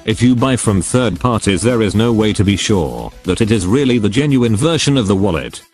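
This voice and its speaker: A synthetic male robot voice, computer-generated and pitched on the low side. It narrates a scripted explainer in a flat, even delivery. Quiet music plays faintly behind it. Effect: robot text-to-speech voice.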